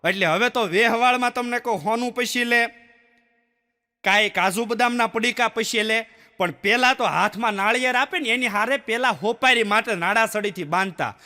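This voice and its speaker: A stand-up comedian with a bright, ringing voice tells folksy jokes, acting out the people in his stories. His voice carries a long echo through a large hall. Audience laughter rises between his lines. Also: extremely high pitch, normal speed. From Gujarat, India. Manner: animated storyteller who acts out the people in his jokes. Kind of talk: folksy stand-up joke telling.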